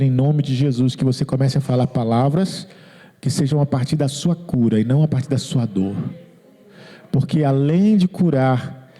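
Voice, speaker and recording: A man's voice: medium pitch, dark tone. A man, preaching a sermon as pastor, earnest and repeating his phrases, quoting people in their own words. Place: church hall. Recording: long hall reverb.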